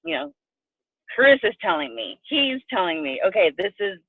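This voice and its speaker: A woman's voice: on the high side, very animated, moderate pace, creaky, slightly rough, dry recording. Woman from Puerto Rico, effusive, emotional, video call, thin phone-like audio, dry. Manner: effusive, gushing, tearful at times. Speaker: coaching client guest. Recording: tinny phone-like line.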